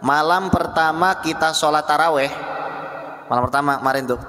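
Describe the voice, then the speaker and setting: A man preaching in a fairly high voice, putting questions to his listeners and answering them himself. He is recorded in a large hall with a long, roomy echo. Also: normal speed, bright, forceful tone. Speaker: Islamic preacher. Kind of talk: religious lecture. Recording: echoey hall reverb.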